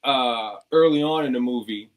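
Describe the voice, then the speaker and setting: A man hosting a radio talk show, chatting casually, telling stories with lively acted-out quotes and giving advice to artists. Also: medium pitch, moderate pace, a crowd in the background. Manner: animated storyteller, acts out quotes in a raised voice; preachy, advising artists.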